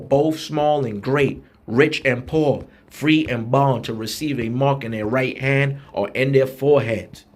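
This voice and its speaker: A man preaching an online sermon in a blunt, street-style manner, slowing down to read scripture with emphasis and using rhythmic repetition. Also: mid-range voice. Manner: slows down and reads scripture with emphasis.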